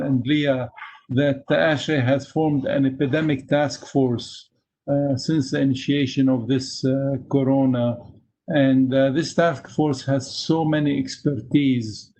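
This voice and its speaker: A man presenting to a webinar over slides, halting, with many fillers and restarts, heard over a video call. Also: mid-range voice, vocal fry, warm tone, slight background noise. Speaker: webinar speaker for an engineering society. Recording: dull lo-fi webinar audio.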